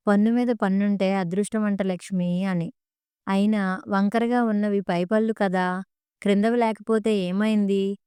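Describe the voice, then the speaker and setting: A woman's voice: mid-range voice, smooth, dry recording, clean studio sound. A woman narrating a first-person story as an audiobook, telling it expressively.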